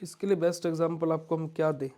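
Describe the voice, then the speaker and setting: Young male lecturer, high voice, coaxing question-and-answer teaching style. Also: little pitch movement, fast, dark tone. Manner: asks questions and answers them himself, calls students "beta ji". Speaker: pharmacy lecturer. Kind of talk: classroom lecture.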